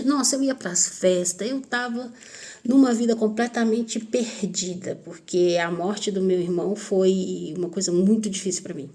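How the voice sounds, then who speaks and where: A woman with a Brazilian accent, candidly telling a personal story to her viewers in an emphatic, animated way. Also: lowish voice. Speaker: channel host.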